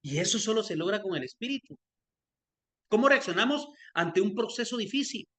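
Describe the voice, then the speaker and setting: A man with a high-pitched voice talks through a story of forgiveness as he preaches. His delivery is earnest and conversational, and he often stumbles and restarts mid-sentence. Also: expressive, brisk, a bit bright.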